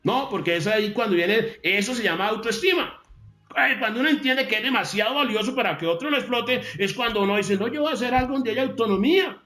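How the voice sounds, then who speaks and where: A man giving a motivational talk, emphatic, repeating key phrases and slowing down to stress them. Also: sits high, expressive, pushed and bright, roomy sound, soft background music. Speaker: motivational speaker.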